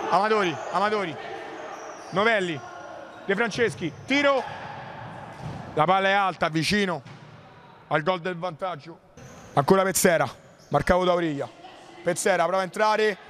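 A man giving excited futsal match commentary in clipped play-by-play bursts, breaking into shouted goal calls. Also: high-pitched. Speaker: sports commentator. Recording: noisy indoor sports hall ambience.

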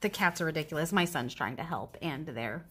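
A woman's voice: deep voice, lively intonation, fairly quick, husky. Chatty woman crafting, drifting to whispers. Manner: chatty, rambling, self-deprecating, drifts into soft whispers while working. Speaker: crafting vlogger. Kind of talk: casual chat while crafting.

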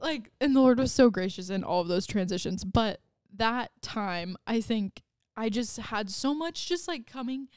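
A woman's voice: a little high, expressive, normal speed, hardly any pauses, darkish tone, clean tone, no echo, studio quality. Giggly, rambling pregnant young woman. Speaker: podcast co-host. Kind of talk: casual chat.

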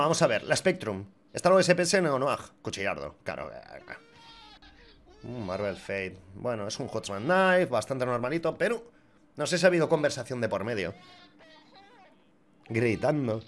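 Excitable crude gamer guy. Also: mid-range voice. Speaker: gaming YouTuber. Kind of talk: casual reaction commentary.

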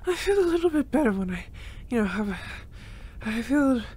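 A woman voicing a gentle, emotional young male reborn spirit in an audio role-play, breathless and given to nervous sighs and laughs. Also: on the high side, big pitch swings, brisk, husky. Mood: breathless, grateful.

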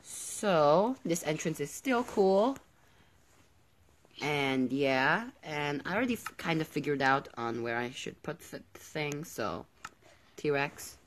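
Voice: medium pitch, expressive, slow pace, slight background noise. A gaming video host giving casual commentary while playing, often repeating words and phrases.

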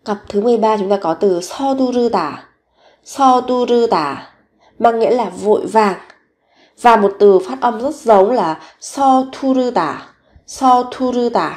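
A woman teaching Korean vocabulary in a recorded lesson, slowly repeating each word several times. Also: on the high side, a little mellow.

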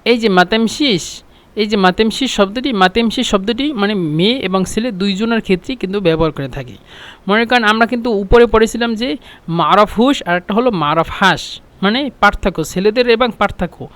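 A man, teaching a spoken Arabic lesson patiently, repeating phrases and filling pauses with "meaning". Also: high-pitched, a bit bright.

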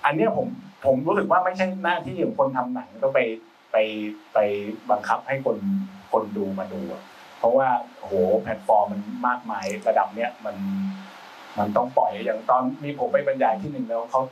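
A man's voice: mid-range voice, a little fast, highs cut off. A man talks shop as a guest speaker in a loose, rambling, slangy way, often restarting his sentences. He sits a little back from the mic. There is a faint hiss of noise in the room. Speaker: film sound designer, guest speaker. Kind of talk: casual talk-show conversation. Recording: voice a bit far from the mic, faint background noise.

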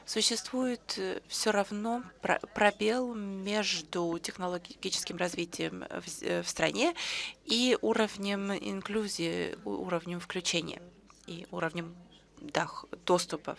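A woman giving simultaneous conference interpretation, hurried, with clipped restarts. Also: mid-range voice, gravelly, fairly bright tone.

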